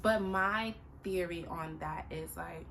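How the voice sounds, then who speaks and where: A woman hosting a casual motivational talk, earnest and repeating her points for emphasis, rising high in pitch when she acts out what others say. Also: slow pace, fairly bright tone, a little hiss or hum. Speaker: host.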